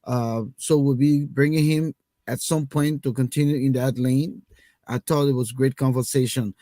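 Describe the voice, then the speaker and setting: A man hosting a casual panel talk show, animated, often repeating words as he starts a sentence. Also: mid-range voice, moderate pace, no room sound. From Liberia.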